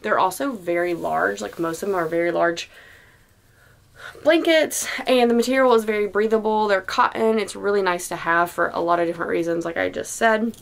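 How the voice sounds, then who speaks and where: A woman's voice: medium pitch, fairly quick, gravelly. A young woman giving casual, chatty practical tips as a mom vlogger, with many "like" fillers. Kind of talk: casual how-to vlog.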